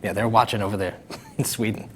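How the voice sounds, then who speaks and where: A man's voice: lowish voice, fairly even intonation, a little fast, fairly bright tone, a little hiss or hum. A young man co-hosting a casual talk show, hesitant and often restarting his sentences, with light chuckles. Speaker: co-host. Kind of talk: casual chat show banter.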